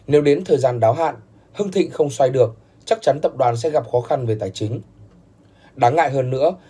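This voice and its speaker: A man's voice: fairly high pitch, mellow, breathy edge. A man narrating a family drama story in a scripted, dramatic storytelling manner.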